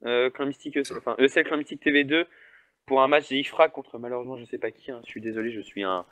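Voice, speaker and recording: A man's voice: medium pitch, fast talker, a bit bright. A man, an esports caster chatting alone before a match, joking about himself and answering viewers' questions. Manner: chatty, self-mocking, answers chat questions. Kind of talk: solo pre-match stream commentary.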